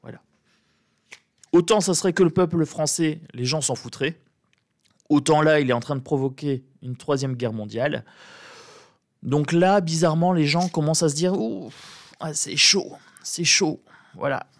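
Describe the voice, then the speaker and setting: A man with a soft, sleepy morning voice, thinking aloud in casual commentary as he reads tarot cards, repeating points for emphasis. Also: fairly high pitch, moderate pace, long pauses, dry recording, clean studio sound. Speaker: tarot reader commenting on politics. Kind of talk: casual spoken commentary during a card reading.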